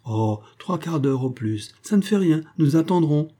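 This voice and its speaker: A man voicing a frightened young noblewoman who gives orders in a high, pleading, insistent voice. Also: expressive, normal speed, dark tone, breathy edge. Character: frightened young noblewoman, baroness, bossy in panic.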